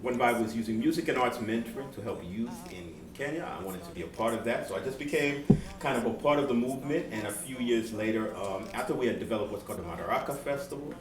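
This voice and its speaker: A man in his thirties from Seattle, a guest answering in a relaxed, earnest way during a live on-stage interview. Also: mid-range voice, fast talker, background noise. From Seattle, USA. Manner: relaxed and earnest, many "um" fillers. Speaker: guest, board member of a nonprofit. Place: event venue with live audience. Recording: echoey venue, distant mic, music behind.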